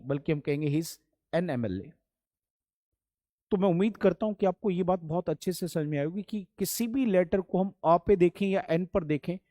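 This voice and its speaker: A man's voice: sits high, a little mellow, no room sound, studio quality. Patient Indian man teaching grammar. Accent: Indian English. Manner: patient, repeats key points, addresses students as children. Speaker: English teacher. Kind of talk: classroom-style grammar lesson.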